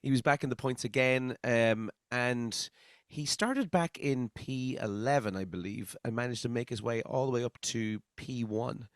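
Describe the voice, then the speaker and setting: A man's voice: medium pitch, normal speed, dry recording, clean studio sound. A man hosting a racing review panel in easygoing casual chat, handing questions to his co-hosts. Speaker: host.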